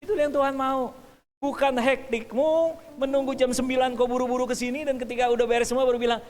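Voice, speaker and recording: A male pastor preaching a sermon. He talks in an animated way, acting out rushed family scenes and having the congregation repeat words after him. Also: very high voice. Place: church hall. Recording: long church reverb.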